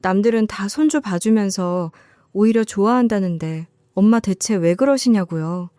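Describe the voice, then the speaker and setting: A woman's voice: medium pitch, normal speed, mellow, no echo, studio quality, lightly acted. A woman narrator voicing a selfish grown son who complains in a petulant, whining way. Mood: whiny angry.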